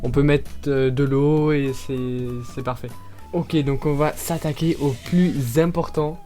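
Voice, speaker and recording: A man talking his way through an unboxing in a loose, chatty vlog style, his voice sitting at an ordinary middle pitch. He pauses and fills gaps with hesitant fillers, and soft music plays faintly behind him. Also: fairly even intonation. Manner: chatty, hesitant with many fillers, laughs often. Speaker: YouTuber unboxing products.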